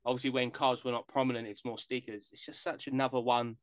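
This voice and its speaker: A man's voice: mid-range voice, level tone, quick pace, dry recording. A man hosting a casual podcast chat, jokey and rambling. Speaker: podcast host.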